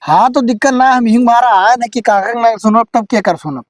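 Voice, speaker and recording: A man's voice: very high voice, moderate pace, dry recording, studio quality. A man playing a blunt, bossy village headman who hands out advice in an Awadhi accent in an amateur comedy sketch. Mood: inquiring. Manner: blunt, advising.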